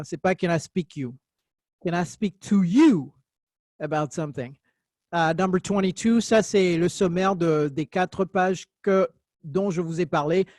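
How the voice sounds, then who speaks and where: A man with a rather high voice runs an online English lesson, correcting common mistakes in a playful, joking way. His voice is recorded dry and close, with no room sound. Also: dry recording. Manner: joking, lively teacher who corrects errors and laughs. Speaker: English teacher. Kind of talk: online English class taught in French.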